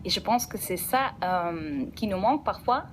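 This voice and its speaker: In a radio studio with some background noise, a woman whose first language is Dutch speaks French with a slight Belgian Dutch accent. She is a guest representing a program, and she explains it enthusiastically in an interview, restarting often. Her voice is mid-range, with lively intonation and a moderate pace.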